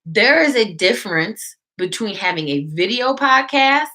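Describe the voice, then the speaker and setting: A woman co-hosting a podcast in casual chat, animated and opinionated, laughing easily. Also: medium pitch, unhurried. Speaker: podcast co-host.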